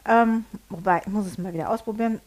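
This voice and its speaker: A woman co-hosting a podcast in casual chat, playful and quick to laugh. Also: mid-range voice, darkish tone. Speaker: podcast co-host.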